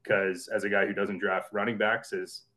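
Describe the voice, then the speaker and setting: Casting: low-voiced man on a podcast panel, loose and rambling, stumbles on his words. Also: flat delivery, normal speed, sharp tone. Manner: rambling, stammering restarts. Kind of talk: casual fantasy sports chat.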